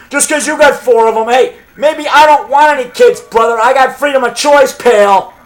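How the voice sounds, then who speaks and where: A man's voice: very high voice, rough recording. A middle-aged man in a combative, off-the-cuff phone argument, defiant and boastful, punctuating his points with "brother" and "pal.". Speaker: low-budget monster movie maker.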